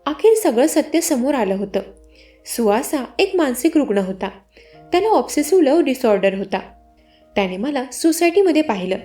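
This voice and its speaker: A woman's voice: sits high, warm tone. A woman narrating a suspenseful first-person story in a dramatic storyteller's manner. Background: faint music.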